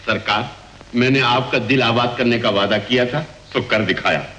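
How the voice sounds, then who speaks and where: An actor playing a boastful, flattering henchman who coaxes his master deferentially, in 1950s film acting. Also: mid-range voice, moderate pace, dull audio, close to an everyday voice. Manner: deferential, coaxing "sarkar" flattery. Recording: noisy, echoey old film sound.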